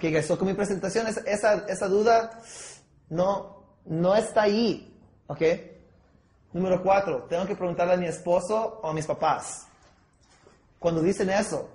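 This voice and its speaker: A man's voice: high-pitched, darkish tone. A man leading a sales training session, acting out objections with listeners and often checking they follow, mixing in English words. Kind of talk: training talk with role-play. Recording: echoey room.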